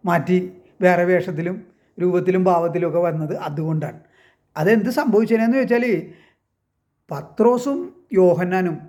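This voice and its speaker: A man's voice: high voice, a little mellow. A man talking casually to his viewers in a long monologue, telling a story and asking again and again whether they understand. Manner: rhetorical, keeps asking if listeners understand; storytelling, poses and answers his own questions. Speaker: online commentator.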